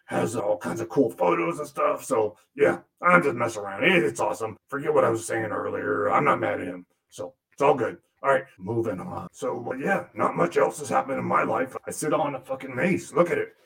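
Worn by a man, a foul-mouthed demon puppet grumbles and sneers in a gravelly voice laced with vocal fry, at a middling pitch with a fairly bright tone. Sarcastic throughout, he rambles briskly with lively intonation and few pauses, crudely griping about the man working him in this in-character comic monologue.

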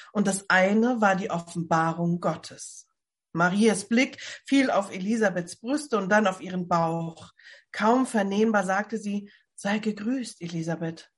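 A woman reads a retold Bible story from home for a service, telling it calmly. Her voice is soft and airy, and she takes her time with each phrase. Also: medium pitch. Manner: calm storytelling. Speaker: lay reader. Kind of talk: reading a Bible novel aloud.

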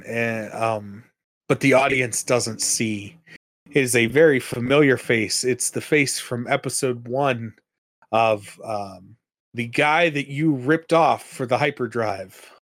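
A man's voice: mid-range voice, dry recording. A man running a tabletop game as game master, narrating with many hesitations and fillers.

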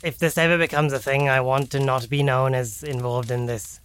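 Man, mid pitch, improv narrator, dry, mock-formal banter, background noise. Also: fairly even intonation, moderate pace, a bit bright. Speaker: narrator of an improvised story game.

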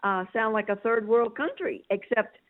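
A woman's voice: a little high, moderate pace. An older woman calling in to a show over the phone, talking in an emphatic, chatty way as she piles on her points. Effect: over the phone, tinny line. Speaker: caller. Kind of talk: casual call-in chat. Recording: tinny phone line.

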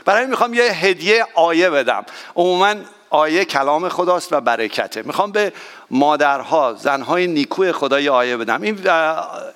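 Man preaching in a hall. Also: on the high side. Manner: warm, excitable, addressing the congregation directly. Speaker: pastor. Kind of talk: sermon. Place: church hall.

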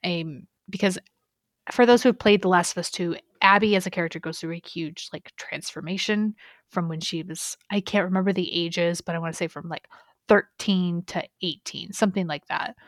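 A woman's voice: on the low side, fairly even intonation, normal speed, no echo, studio quality. Chatty young woman podcast co-host. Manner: chatty, rambling, enthusiastic. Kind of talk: casual chat.

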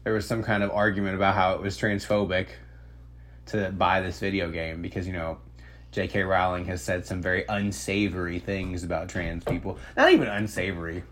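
Over a noisy, humming background, a podcast host with a deep, steady, slightly bright voice talks briskly. The chat is casual and comedic, and he's profane, slangy and opinionated.

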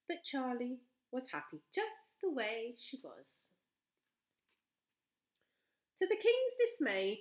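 A woman reading a children's storybook aloud, slowly and with expression. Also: fairly high pitch. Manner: slow, expressive. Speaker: storybook reader. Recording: roomy echo.

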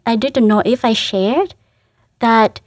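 A woman from Vietnam, a Vietnamese native speaker with a Vietnamese accent, speaks as a religious sister in an interview, gently and earnestly, with frequent restarts and soft laughs. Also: on the high side, takes it slowly, no echo, studio quality. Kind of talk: emotional personal reflection.

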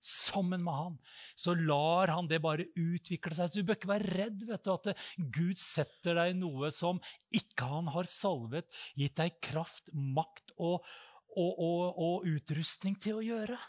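A man preaching a sermon, telling stories and acting out prayers with loud, high-pitched cries. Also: no echo, studio quality.

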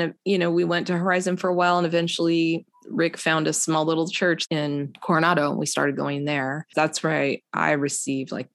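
A woman's voice: sits low, no room sound, clean studio sound. A woman, a podcast guest telling her story in a casual chat and acting out the voices of other people. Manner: animated storyteller acting out quotes. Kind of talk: casual testimony conversation.

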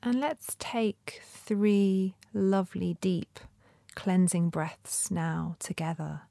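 Female meditation guide, lowish creaky voice, soft and breathy, soothing and unhurried. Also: steady tone, dry recording, studio quality. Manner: gentle, soothing, unhurried instruction with long pauses.

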